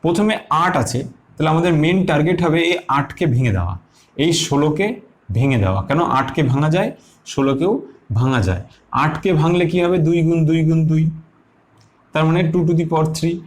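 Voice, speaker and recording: A man with a Bengali accent teaching maths, patiently explaining each step slowly and repeating himself, asking questions and then answering them. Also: fairly high pitch, lively intonation. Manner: asks and answers his own questions.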